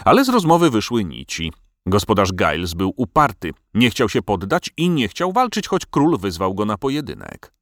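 Low-voiced, expressive male audiobook narrator. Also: normal speed, no room sound, clean studio sound. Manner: expressive storytelling.

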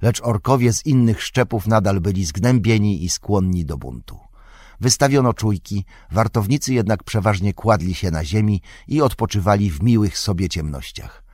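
Deep male audiobook narrator, measured and steady, dry studio sound. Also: no echo. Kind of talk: scripted narration.

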